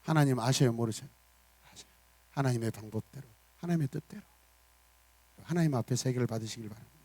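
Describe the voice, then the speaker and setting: Emphatic Korean pastor preaching, dry sound. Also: male voice, mid-range voice, fast talker, no room sound. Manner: emphatic preaching that swings from loud declarations to soft asides; acts out little dialogues in character voices. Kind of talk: sermon.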